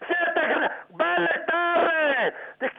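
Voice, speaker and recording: A woman with a northern Italian Veneto accent phoning in her opinion, emphatic and repetitive, with halting phrasing. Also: extremely high pitch, gravelly. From Veneto, Italy. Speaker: phone-in listener. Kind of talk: spontaneous phone-in opinion. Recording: tinny phone line with crowd murmur.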